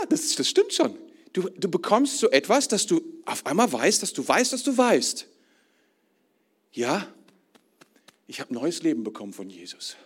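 A man's voice: on the high side, husky. A man preaching a casual sermon, enthusiastic and colloquial, often repeating words as he builds a point.

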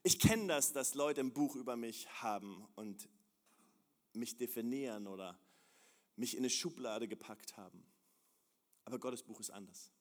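German pastor preaching in a reverberant hall. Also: male voice, mid-range voice, moderate pace, long pauses. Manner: swings between hushed intimate prayer and loud rising emphasis; repeats phrases in building rhythm. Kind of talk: sermon.

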